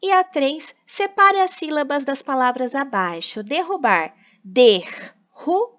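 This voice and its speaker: A woman teacher with a high voice walks young pupils through a lesson, checking in with them after nearly every point. The sound is a little dull and lo-fi. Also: lively intonation, a little slow, sharp tone. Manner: explanatory, frequent tag questions. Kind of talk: recorded class lesson for children.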